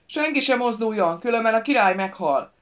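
Woman narrator as a hard male thief, loud, raised threatening orders. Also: medium pitch, natural voice. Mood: threatening shout. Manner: shouted commands, threatening.

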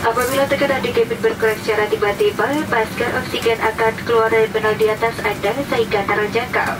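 A woman's voice: fairly high pitch, flat delivery, fast. A woman with an Indonesian accent speaking as a flight attendant, reciting a scripted cabin safety announcement in a formal manner. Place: inside an airliner cabin. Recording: distant cabin PA, loud aircraft engine noise. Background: loud aircraft cabin noise.

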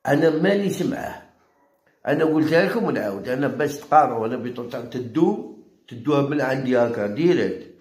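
A man with an Algerian Arabic accent hosting a football channel, ranting heatedly and mockingly, repeating himself and jumping high in pitch when worked up. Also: animated, quick pace, darkish tone, reverberant. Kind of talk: heated opinion rant.

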